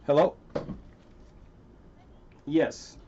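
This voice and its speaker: A man hosts a laid-back coin-hunting livestream, talking very slowly and addressing chat viewers by name. He gets loudly excited over what he finds, and the sound is lo-fi.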